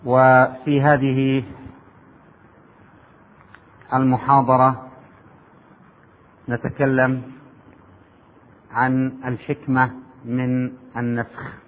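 A man giving a formal religious lecture on Quranic sciences, speaking in measured classical Arabic and reciting verses. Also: mid-range voice, slight background noise. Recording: phone-like narrow sound with long hall reverb.

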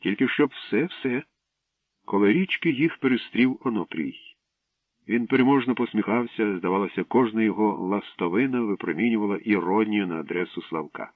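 Low-voiced man narrating a story. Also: brisk, dry recording. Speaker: audiobook reader. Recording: dry tinny radio broadcast.

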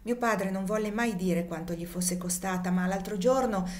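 A woman reading the part of a courteous, kindly young gentleman in an audiobook, with a polite, warm-hearted delivery. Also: mid-range voice, moderate pace, natural voice. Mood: explaining.

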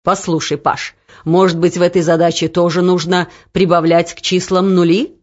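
A woman's voice: lowish voice, level tone, normal speed, muffled recording, lightly acted. A woman voicing a vain, pedantic king in an audiobook. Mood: pompous. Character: gloomy middle-aged male king, vain, pedantic.

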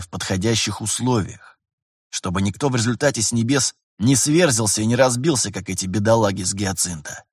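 A man's voice: fairly low pitch, husky, no echo, studio quality. A man doing a blunt, teasing veteran pilot. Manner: teasing, folksy, lecturing. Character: seasoned male pilot master, mocking, blunt.

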